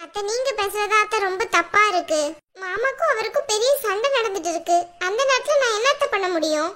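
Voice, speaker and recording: A woman's voice: very high-pitched, expressive, brisk, pushed and bright, full character voice. A woman acting a young wife in a family drama skit, pleading and defending herself. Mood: defensive. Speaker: actor.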